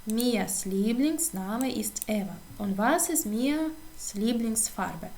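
Slow Ukrainian-accented German teacher. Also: female voice, a little high, expressive, darkish tone, slight background noise. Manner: reads sentences slowly, translating into Ukrainian. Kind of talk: slow textbook walkthrough for pupils.

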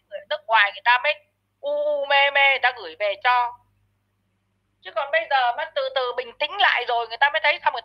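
A woman delivering a ranting commentary, scolding harshly and insultingly and often stuttering over repeated words. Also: high-pitched. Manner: frequent stammered repeats. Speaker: online commentator. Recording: dull lo-fi audio.

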